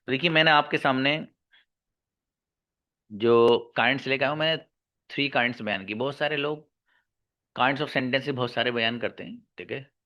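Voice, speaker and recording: Bright-voiced Hindi English teacher, slow drills. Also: male voice, mid-range voice. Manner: repeats key words slowly, asks and answers his students' questions himself; calls listeners "babu" and "my friend". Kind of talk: online grammar lesson in Hindi.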